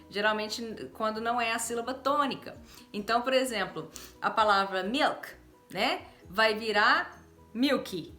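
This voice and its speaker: A Brazilian woman teaching English in a casual online lesson, cheerful, laughing often and slowly drilling example phrases. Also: a little high, pushed and bright. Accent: Brazilian Portuguese. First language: Portuguese.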